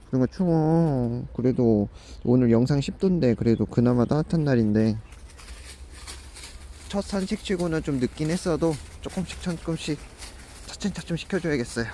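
A man's voice: on the high side, moderate pace, warm tone, slight background noise. A man narrating a pet vlog in a friendly, chatty way, talking straight to his viewers. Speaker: pet vlogger.

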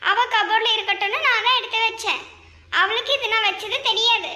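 A woman voicing a sharp-tongued mother in a cartoon, scolding and nagging her daughters. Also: very high-pitched, steady tone, fairly quick, echoey room, exaggerated voice. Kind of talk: cartoon family drama.

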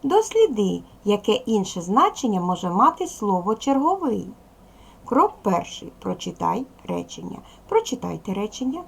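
Lively husky Ukrainian woman teacher. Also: mid-range voice, normal speed. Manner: lively, sing-song teaching delivery. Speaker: primary school teacher. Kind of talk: video lesson for second graders.

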